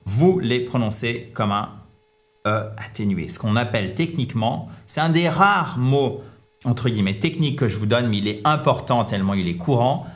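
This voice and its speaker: Guy teaching english pronunciation, lively and a bit teasing, mid pitch. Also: normal speed. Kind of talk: explaining pronunciation in French.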